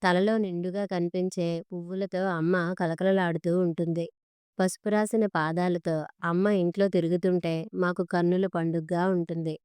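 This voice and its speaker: A woman narrating a family story in a measured, even storytelling voice. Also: on the low side, clear, resonant tone, dry recording. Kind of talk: scripted narration.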